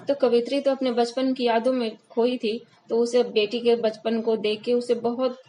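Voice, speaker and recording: A woman teaching a poem, reading each verse slowly before explaining it in plain words. Her voice sits a little high, and a faint background noise runs under the recording. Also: dark tone, poor audio. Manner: reads verses slowly, then explains line by line. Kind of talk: Hindi poetry lesson, reading and explaining.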